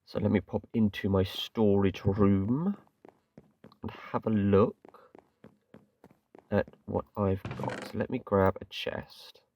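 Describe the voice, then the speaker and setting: A gaming channel host from England, he has a fairly low, dark-toned voice and speaks slowly with long pauses. His casual gameplay commentary is chatty, rambling, and self-deprecating, full of fillers like "kinda," recorded far from the mic with slight background noise.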